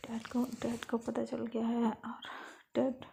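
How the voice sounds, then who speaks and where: A woman's voice: on the high side, monotone, vocal fry, mellow, a little hiss or hum, heavily acted. A woman voicing an anxious young woman who frets hurriedly about her family. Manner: fretful, hurried.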